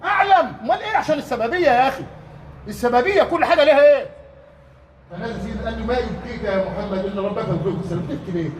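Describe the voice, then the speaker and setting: A man with an Egyptian accent giving a Friday sermon in a mosque, often asking rhetorical questions that the crowd finishes, lively and emphatic. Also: very high voice, rapid-fire, a little hiss or hum. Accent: Egyptian Arabic. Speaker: preacher. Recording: echoey hall, mic at a distance.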